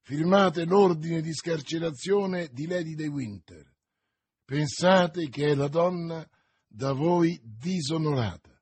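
A man's voice: on the high side, slow pace, a little mellow, husky, no room sound. A man voicing a grave, insistent young male zealot who confronts a duke with solemn, rising intensity. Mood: humble insistent. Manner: solemn, pleading, rising to fierce.

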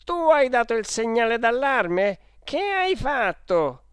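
A reader voicing an irritable middle-aged male salesman who bursts out in exasperated shouts in an audiobook. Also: mid-range voice, sing-song, slow pace, clear, resonant tone, no echo, studio quality, voice pushed up. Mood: furious. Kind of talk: audiobook character voice.

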